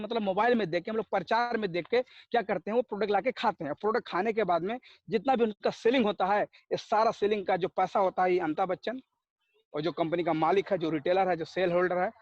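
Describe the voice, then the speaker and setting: A high-voiced man gives a motivational talk to a network marketing meeting, telling stories, acting out dialogues, and throwing rhetorical questions at listeners. The audio is dull, with no room sound.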